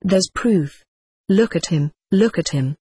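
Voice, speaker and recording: Guy doing a loud simple old monk, kinda husky, gets all worked up. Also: high voice, slow, no room sound, heavily acted. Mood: excited. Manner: bawling, excitable.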